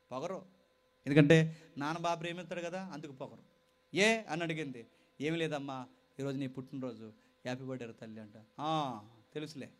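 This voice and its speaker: A man with a high voice preaches an impassioned sermon. He presses his points with urgent, raised appeals, then drops into quiet, dramatic storytelling. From Telugu-speaking India. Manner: impassioned, swings from loud exhortation to quiet storytelling.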